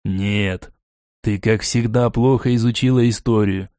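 A man voicing a calm, cunning male envoy who speaks in a low, quiet, insinuating, mentor-like tone. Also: moderate pace, dry recording, studio quality, natural voice. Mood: lecturing.

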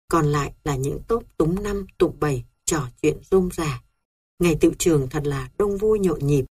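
A woman narrating a memoir in a steady, unhurried storytelling manner. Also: low-pitched, husky, no room sound, studio quality. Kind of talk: memoir read aloud.

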